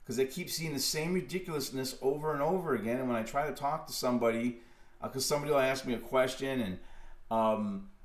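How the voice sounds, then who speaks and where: A man hosting his own podcast, ranting profanely about government and safety, sliding from low mutters to loud outbursts and often restarting his words. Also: fast talker, echoey room. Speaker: podcast host. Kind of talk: impassioned political monologue.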